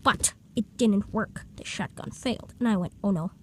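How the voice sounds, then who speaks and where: A woman telling an improvised comic story in a rambling, deadpan way. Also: medium pitch, moderate pace, slight background noise.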